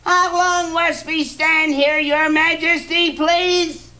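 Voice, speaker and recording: A man's voice: extremely high pitch, flat delivery, takes it slowly, sharp tone, voice pushed up, heavily acted. A man voicing a meek small turtle at the bottom of a stack, pleading in a strained voice. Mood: polite pleading. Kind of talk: storybook reading.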